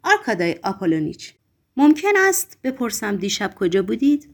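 A woman's voice: mid-range voice, big pitch swings. A woman voicing a sly, mocking male conjurer's assistant in a theatrical, taunting manner.

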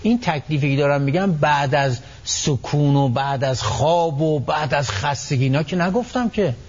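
A man guest on a radio talk show, explaining his ideas in an animated way, often acting out what people say. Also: fairly high pitch, breathy edge, highs cut off. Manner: animated storytelling, acts out quotes. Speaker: psychology expert guest.

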